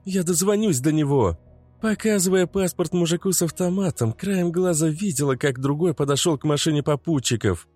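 A man narrating an audiobook with a brisk, expressive delivery. His voice sits fairly high. The recording is dry and close, with no room sound. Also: husky, no echo. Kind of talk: audiobook reading.

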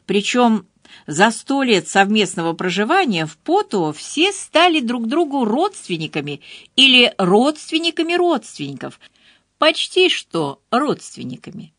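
A woman narrating an audiobook in an expressive storytelling manner. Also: fairly high pitch, measured pace, dry recording, clean studio sound.

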